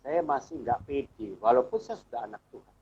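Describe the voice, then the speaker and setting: A man's voice: medium pitch, sing-song, moderate pace, darkish tone, a little hiss or hum. A middle-aged man, a church elder, earnestly telling his own faith story in conversation and acting out the dialogue he remembers. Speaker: church elder, guest speaker. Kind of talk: personal testimony in conversation. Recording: dull lo-fi sound.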